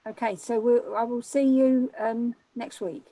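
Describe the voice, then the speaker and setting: An English woman chairs a panel meeting in a brisk, informal way, pausing on fillers now and then. Her voice sits fairly high. The sound is dry and close. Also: fairly even intonation, warm tone, no room sound, poor audio.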